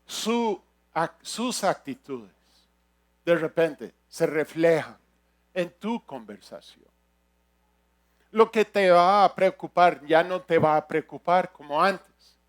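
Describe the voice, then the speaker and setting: High-voiced, slow-preaching man. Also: expressive. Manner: earnest, emphatic preaching with swings in loudness. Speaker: pastor. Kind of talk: sermon.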